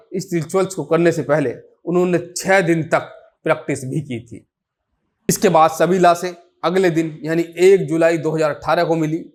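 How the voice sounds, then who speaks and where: Higher-voiced man telling a crime story. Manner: measured, informal, with restarts. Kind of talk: narrated true-crime story.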